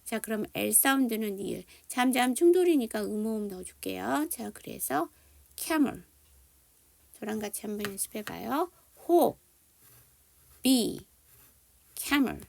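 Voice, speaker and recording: A woman's voice: fairly high pitch, lively intonation, a little slow, gravelly, pauses often, a little mellow. A woman teaching an online English phonics lesson, explaining spelling and sounds and leading students through repetition drills.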